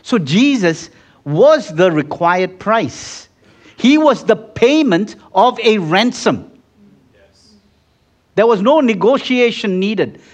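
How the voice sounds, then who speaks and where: A man's voice: high-pitched, lively intonation, takes it slowly, pauses often. A man preaching a sermon in a conversational way, acting out little scenes and building to fervent peaks, with many restarts. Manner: frequent restarts and repeated words. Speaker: pastor.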